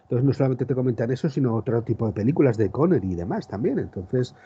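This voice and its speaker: A man's voice: medium pitch, expressive, quick pace, mellow, slight background noise. A man with an accent from Spain chatting casually as a podcast co-host, hesitant and repeating words for emphasis. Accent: Spanish from Spain. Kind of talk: casual chat. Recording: slightly muffled sound.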